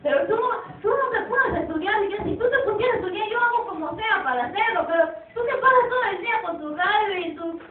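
Girl acting as a crying begging mom, high voice, tinny and far away. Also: expressive, fast, hardly any pauses. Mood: pleading. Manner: tearful, pleading. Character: worried, pleading widowed mother. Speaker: church youth actor. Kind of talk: amateur church stage play. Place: church hall. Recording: distant, echoey, tinny.

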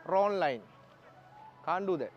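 A Sri Lankan bowling coach runs net practice at an outdoor training ground, giving short, direct instructions in broken English and laughing often. His voice is high-pitched and expressive, and he takes his time. Recorded on a clip-on mic, the sound has its highs cut off.

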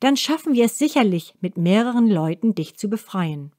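A woman voicing a kind, polite young girl in a children's storybook reading, speaking calmly. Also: mid-range voice, moderate pace, no echo, studio quality, close to an everyday voice. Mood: friendly.

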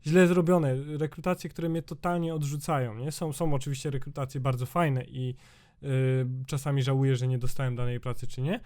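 A man's voice: medium pitch, fairly even intonation, brisk, darkish tone. A man in his twenties with a sore throat, ranting casually in a vlog, rambling with lots of fillers and swearing. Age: 20s. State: sore throat, slightly changed voice. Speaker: YouTuber.

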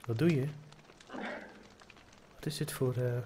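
A man's voice: mid-range voice, fairly even intonation, slow. A man casually commenting on his survival game, swearing and coaxing an in-game pig in a playful sing-song voice. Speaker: gamer streaming a survival game. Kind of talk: casual let's-play commentary. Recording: noisy home setup.

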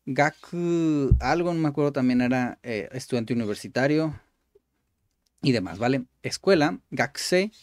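A man's voice: mid-range voice, animated, normal speed, darkish tone, no room sound. A man giving casual gameplay commentary, repeating each word aloud and explaining it like a patient tutor. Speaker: gaming YouTuber.

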